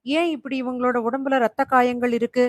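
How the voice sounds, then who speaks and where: A woman voicing a calm, serious female doctor who speaks in a measured way, in a storybook reading. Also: a little high, dry recording, clean studio sound, natural voice.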